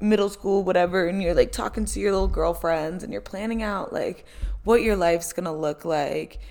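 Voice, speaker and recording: Hosting a laid-back solo podcast, a woman in her 20s talks at a moderate pace in a lowish voice with a darkish tone. She chats freely, laughing often and using plenty of "um"s and "like"s.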